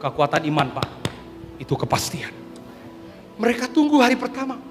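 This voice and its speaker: A high-pitched man preaches with dramatic swings, turning to his listeners and calling them sir. His voice rings through a hall with a long reverb, and soft music plays faintly underneath. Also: big pitch swings, fairly quick. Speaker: pastor giving a testimony sermon. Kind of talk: sermon.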